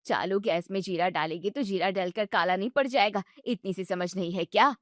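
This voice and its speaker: A woman's voice: medium pitch, brisk, dry recording, studio quality, pitched below the performer's own voice, lightly acted. A woman doing a scolding, bossy mother-in-law. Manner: scolding, sharp-tongued.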